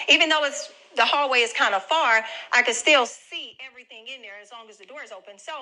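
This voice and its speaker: A woman's voice: on the high side, pushed and bright, rough recording. A grandmother telling viewers a personal story in a chatty, direct way. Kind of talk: casual storytelling to camera.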